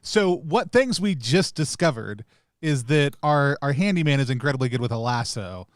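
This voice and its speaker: A man playing a tabletop game who speaks in a deliberate, questioning way. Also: medium pitch, lively intonation, no echo, studio quality. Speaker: player. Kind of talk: casual tabletop play.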